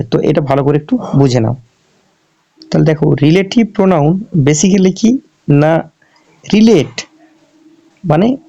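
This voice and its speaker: A man teaching English grammar in a lesson, asking questions and answering them himself, and reading example sentences out slowly. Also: a little high, gravelly, dark tone. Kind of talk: explanatory classroom lesson. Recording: dull lo-fi recording.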